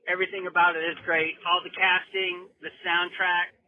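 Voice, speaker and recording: A man calls in from his car and leaves a voicemail, and his voice comes through a thin, clipped phone line. He sounds eager and casual and swears freely. His voice sits fairly high for a man. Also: little pitch movement, moderate pace. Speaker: voicemail caller.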